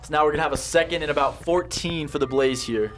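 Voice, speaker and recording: Upbeat guy calling a football game, talks fast, bit of low noise in the background. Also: fairly bright tone. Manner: upbeat, enthusiastic. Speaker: play-by-play commentator. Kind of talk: live sports commentary.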